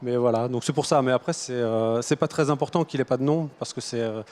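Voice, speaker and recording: A man's voice: mid-range voice, fairly quick, a little mellow. A man, a children's author, explaining his book in a hesitant, thoughtful way with frequent restarts. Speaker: author guest. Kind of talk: casual interview answers.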